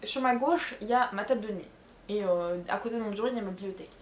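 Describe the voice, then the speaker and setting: A young Frenchwoman with a Charente accent chats casually with viewers from her bedroom, answering their questions as a vlogger. She talks fast in a mid-range voice, rambling with plenty of fillers and self-corrections. The room is echoey, with a little hiss or hum.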